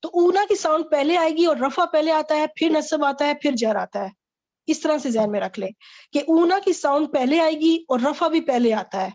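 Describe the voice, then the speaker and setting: High-voiced woman teaching grammar patiently. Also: darkish tone, lo-fi sound. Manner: patient, quizzing and explaining slowly. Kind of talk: online grammar lesson with a student.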